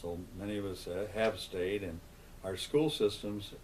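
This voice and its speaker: A longtime local resident, this older man answers questions in an oral history interview, talking plainly and conversationally and raising questions only to answer them himself. His voice is on the low side and a little mellow, with a steady tone and moderate pace. The low-quality recording has slight background noise.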